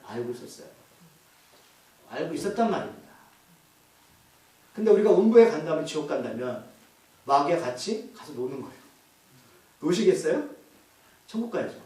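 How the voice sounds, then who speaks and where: A man's voice: on the high side, sing-song, moderate pace, pauses often, a little mellow. A male pastor preaching a sermon, asking the congregation questions and answering them himself. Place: church. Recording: echoey church hall from far off.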